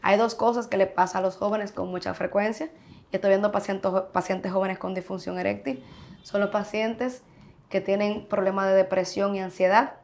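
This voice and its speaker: A woman's voice: medium pitch, fairly even intonation, normal speed, a little mellow. Frank, emphatic woman doctor. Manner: frank, emphatic, acts out patient dialogue. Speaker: urologist guest. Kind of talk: interview answers, explaining.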